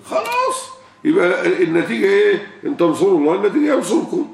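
Gravelly older Egyptian sheikh in an echoey hall. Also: male voice, sits high, lively intonation, very fast, darkish tone. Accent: Egyptian Arabic. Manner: asks rhetorical questions and repeats key words for emphasis. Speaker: sheikh answering questions. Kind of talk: religious question-and-answer sermon. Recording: echoey room, far from the mic.

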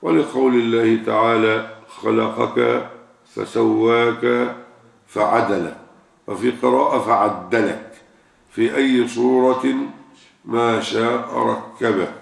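Older man, Egyptian Arabic accent, preaching sheikh, rhetorical questions, very gravelly, echoey distant mic. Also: mid-range voice, fairly even intonation, takes it slowly. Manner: asks rhetorical questions and repeats key words for emphasis. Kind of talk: religious question-and-answer sermon. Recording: echoey room, far from the mic.

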